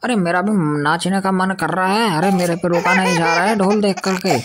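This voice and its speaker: A woman's voice: fairly low pitch, fairly even intonation, normal speed. A woman with a western Uttar Pradesh Hindi accent, doing mocking, grumbling banter in a rustic comedy skit. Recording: loud background noise.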